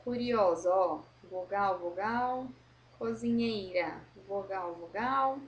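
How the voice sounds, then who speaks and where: A woman teacher correcting a worksheet for young pupils, slowly modelling words and explaining patiently. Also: medium pitch, slight background noise. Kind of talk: correcting a school worksheet for children.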